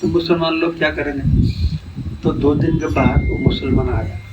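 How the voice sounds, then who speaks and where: Man, monk, storytelling sermon, acts out voices, far from mic, muffled, loud noise. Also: on the high side, normal speed. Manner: animated storyteller acting out the voices. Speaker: monk giving a lecture. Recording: muffled distant recording with heavy noise.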